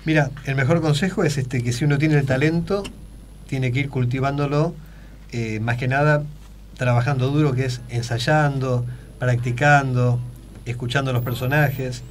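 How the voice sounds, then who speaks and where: A middle-aged man with an Argentine Spanish accent is a guest impressionist on a radio show, chatting, joking, and telling stories in a casual interview in the studio. His mid-range voice has fairly even intonation at a moderate pace, with slight background noise.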